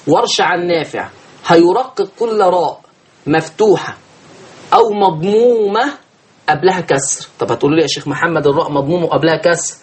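A man with an Egyptian accent teaching Quran recitation rules, asking and answering his own questions and drawing out chanted examples. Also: a little high. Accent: Egyptian Arabic. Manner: slow drawn-out chanted examples. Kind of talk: teaching tajweed.

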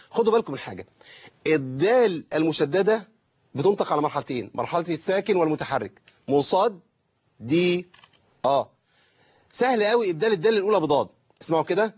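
A man with an Egyptian accent teaching Quran recitation, lively and mock-scolding as he demonstrates common pronunciation mistakes. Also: on the high side, husky. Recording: dull lo-fi recording.

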